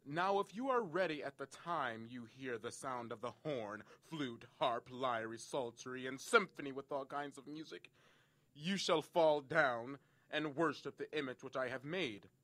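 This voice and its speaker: A man's voice: medium pitch, a little slow, a bit bright, no echo, pitched above the performer's own voice, lightly acted. A man playing a proud, hot-tempered king in a dramatic scripture audio reading, declaiming imperiously and stretching words for emphasis. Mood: imperious fury. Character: proud, furious, booming king of Babylon, given to decrees.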